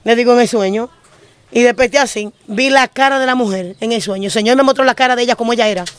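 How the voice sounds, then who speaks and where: A woman pastor with a Dominican Spanish accent recounts her testimony at a rapid clip, often repeating phrases in short bursts. Her voice is clean and crisp, recorded close and dry with no room echo. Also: a little high. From Dominican Republic. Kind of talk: emotional testimony storytelling. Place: living in Spain.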